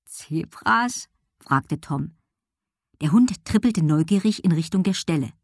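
Husky woman reading a children's story. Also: sits low, unhurried, no echo, clean studio sound. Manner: lively storytelling. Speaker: audiobook reader. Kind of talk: scripted narration.

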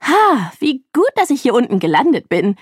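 A woman's voice: sits high, big pitch swings, very slow, gravelly, no room sound, clean studio sound, pitched above the performer's own voice, heavily acted. Woman doing a cheerful mother in a storybook. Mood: delighted. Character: cheerful, unflappable mother of four.

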